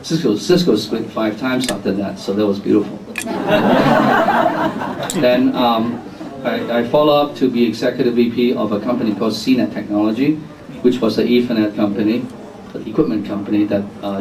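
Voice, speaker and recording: A man's voice: on the low side, background noise. A man from Hong Kong in his fifties introducing himself on a panel, joking and chuckling at his own lines. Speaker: panelist entrepreneur. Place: conference hall before an audience. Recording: roomy hall mic from far off with audience.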